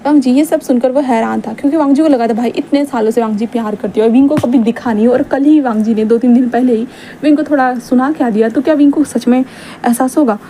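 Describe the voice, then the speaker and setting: High-voiced woman telling a fanfic. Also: fast talker, warm tone, slight background noise. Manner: conversational, repeats phrases. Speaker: fanfiction storyteller. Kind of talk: casual story narration.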